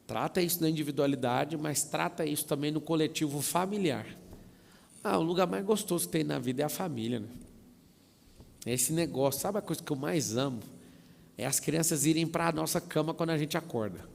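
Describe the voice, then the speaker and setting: A man from Brazil telling family stories in a lively, slangy way, acting out little scenes, with echo around him. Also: a little high, a little fast, creaky, slight background noise. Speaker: mentor speaking on a live stream. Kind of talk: storytelling talk. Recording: long reverb, echoey room.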